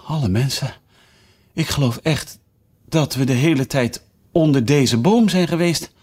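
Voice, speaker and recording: A man's voice: mid-range voice, measured pace, a little mellow, natural voice. A man voicing a curious, polite young girl who talks eagerly and with a lot of wonder.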